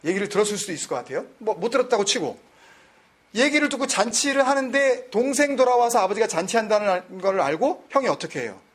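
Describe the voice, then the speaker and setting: A man's voice: high voice, sing-song, quick pace. A man teaching a Bible study in a conversational way, mixing in English words and keeping his listeners answering his questions. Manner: keeps quizzing his listeners.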